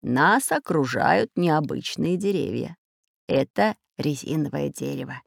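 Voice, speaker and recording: A patient older geographer from a storybook, played by a narrator, lecturing slowly in a lowered voice. His tone is slightly gravelly. The recording is close and dry. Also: lively intonation, no room sound, heavily acted. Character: learned older male geographer professor, patient.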